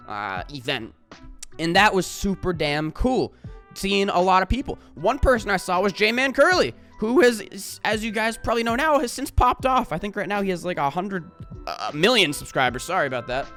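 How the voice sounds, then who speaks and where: A man's voice: high voice, lively intonation, normal speed, fairly bright tone, faint music behind. A man talking to camera in a casual vlog, rambling with lots of fillers and casual swearing. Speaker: YouTuber.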